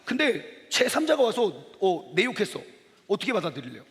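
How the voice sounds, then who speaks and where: A man's voice: sits high, fairly quick, slightly rough. A middle-aged man preaching at a youth camp, acting out dialogue scenes with the crowd. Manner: animated, acts out dialogue with the audience. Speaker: pastor. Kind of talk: lively youth camp sermon with acted skits. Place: large hall. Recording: long hall reverb.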